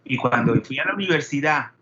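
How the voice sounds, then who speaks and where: A man's voice: on the high side, lively intonation, a little fast, pushed and bright, dull audio, slight background noise. A man teaching a chemistry class, peppering students with questions and wandering into digressions. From Panama. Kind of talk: classroom lecture.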